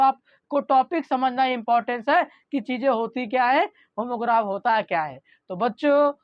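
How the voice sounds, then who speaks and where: A male teacher giving an online grammar lesson. He keeps asking rhetorical questions, answers them himself, and reads example sentences out slowly. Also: very high voice, dry recording. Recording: dull lo-fi recording.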